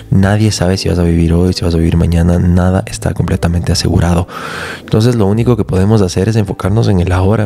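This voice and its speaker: Deep-voiced man, earnest podcast host. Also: vocal fry, mellow. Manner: earnest, emphatic, repeats words while searching for phrasing. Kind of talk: solo motivational monologue.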